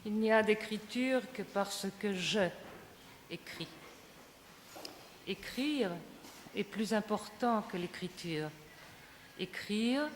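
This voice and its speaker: A woman at a conference reading her prepared text aloud in a slow, measured, lyrical way, a little back from the microphone. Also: mid-range voice. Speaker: conference speaker. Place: large conference hall. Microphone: microphone at a distance. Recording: reverberant hall, faint hiss.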